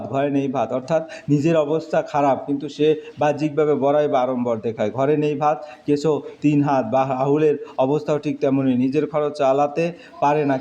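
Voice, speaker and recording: A man's voice: mid-range voice, dark tone. A male teacher, walking through exam answers in short, clipped phrases. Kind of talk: exam answer walkthrough lesson. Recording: dull lo-fi recording with faint noise.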